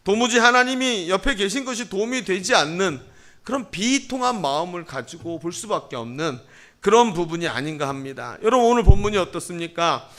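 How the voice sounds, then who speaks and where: A man's voice: high voice, sharp tone. A man, a pastor, preaching a sermon and reading scripture aloud, playfully mimicking dialect phrases. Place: church sanctuary.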